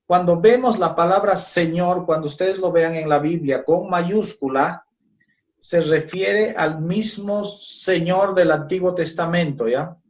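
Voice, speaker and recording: A man's voice: high-pitched, muffled recording. A man teaching a Bible class on Christology, who keeps checking in with his students by asking "¿ya?" and "¿no?". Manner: slow, checks in with "¿ya?" and "¿no?".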